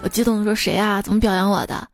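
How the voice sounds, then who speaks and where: A woman's voice: mid-range voice, level tone, fast talker, faint music behind. A woman hosting a podcast, reading listener jokes aloud in a chatty, teasing way. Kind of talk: casual comedic reading.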